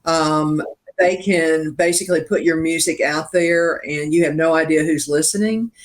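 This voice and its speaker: A man's voice: fairly high pitch, fairly even intonation, moderate pace. An older songwriter from Richmond, Virginia, telling his story as a guest in an interview, acting out quoted dialogue and laughing at his own jokes. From Richmond, Virginia, USA.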